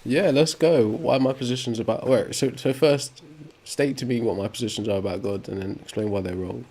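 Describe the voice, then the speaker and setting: A young man streaming, chatting casually while he plays a game, sometimes breaking into sudden excited shouts. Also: medium pitch, fairly quick, slightly rough. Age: young adult. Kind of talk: casual live chat while gaming.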